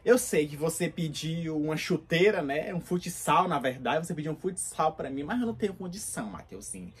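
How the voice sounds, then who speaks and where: A man's voice: fairly high pitch, lively intonation, a little fast, slight background noise, natural voice. A man playing a poor, sentimental grandmother in a comedy sketch who coaxes and then scolds her grandson. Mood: doting. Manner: doting, coaxing, then scolding. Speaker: comedy skit performer.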